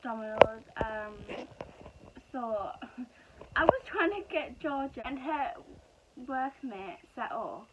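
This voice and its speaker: A woman's voice: fairly high pitch, expressive, takes it slowly. A hungover young British woman chatting casually through a story in a giggly, informal way. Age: young adult. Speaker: vlogger telling a story. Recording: muffled, noisy home recording.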